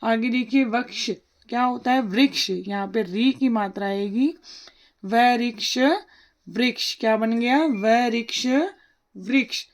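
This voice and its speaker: A woman teaching a worksheet lesson for young children, sounding out each syllable slowly and asking questions that she answers herself. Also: a little high. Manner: slow, sounds out syllables one by one.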